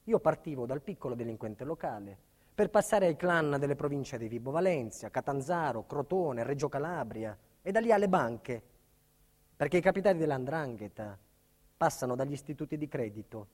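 In a reverberant theatre hall, an actor performs a first-person theatrical monologue as an earnest, embattled businessman recounting his life. His mid-range, darkish voice moves at normal speed with lively intonation and light acting, the phrasing emphatic and dramatic, the mood indignant and grave.

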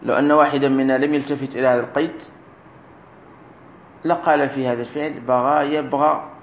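A man's voice: medium pitch, steady tone, highs cut off. Man teaching grammar in an echoey room. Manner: explains slowly, repeats key words and drills verb forms aloud. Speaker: sheikh teaching Arabic grammar. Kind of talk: recorded classroom lesson. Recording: roomy echo with faint room noise.

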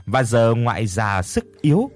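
A man's voice: mid-range voice, very animated, unhurried, faint music behind. A man narrating a first-person audio story in a bitter, scornful tone.

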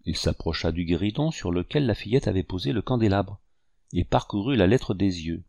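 Un narrateur de livre audio au récit mesuré, voix râpeuse, son très sec. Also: male voice, sits low, lively intonation, gravelly, a little mellow, no echo. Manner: measured storytelling. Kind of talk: scripted narration.

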